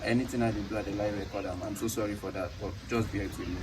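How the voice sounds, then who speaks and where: Fast-talking Nigerian male vlog host. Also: fairly low pitch, fairly even intonation, darkish tone, far from the mic, slight background noise. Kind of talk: casual vlog talk and questioning.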